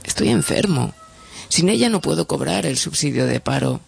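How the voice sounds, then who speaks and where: A man reading a story aloud and voicing a soft-spoken man in bed who answers the doctor calmly. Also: a little high, vocal fry, a little hiss or hum. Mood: calm sly. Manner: soft, slow and calm.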